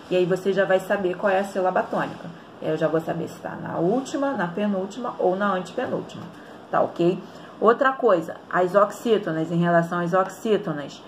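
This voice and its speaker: A woman's voice: medium pitch, slight background noise. A woman with a Brazilian Portuguese accent teaching an online grammar lesson, explaining step by step and often checking in with the students.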